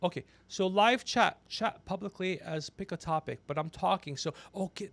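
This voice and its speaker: This Persian-background man in his fifties hosts a casual livestream, ranting brashly and swearing freely. His voice is high-pitched, gravelly and a bit bright, moving at normal speed on a dry recording.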